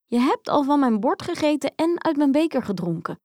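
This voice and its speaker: A woman voicing a spoiled, squeamish young princess who talks in a high, whiny way, in a storybook reading. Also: sing-song, fairly quick, a little mellow, no echo, studio quality. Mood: disgusted.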